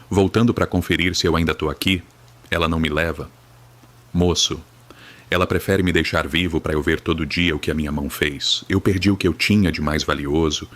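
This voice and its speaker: A man's voice: very deep voice, fairly bright tone. A Brazilian man reading a first-person horror story in a somber, dramatic, grave manner.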